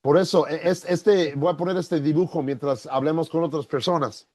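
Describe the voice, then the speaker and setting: A man who is a pastor, teaching an online Bible class slowly and deliberately, acting out little examples as he goes. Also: no echo. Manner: slow, deliberate teaching with lively pitch and acted-out examples.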